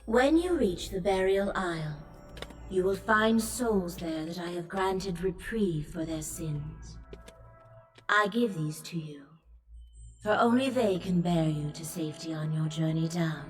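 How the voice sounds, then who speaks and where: A solemn sky goddess played by a woman speaks in a low, lofty goddess voice, measured and regal. She sounds set back from the microphone, with game music playing behind her grave, maternal fantasy lines. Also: recorded from a distance, close to an everyday voice. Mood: solemn, imploring. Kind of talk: fantasy video game voice acting.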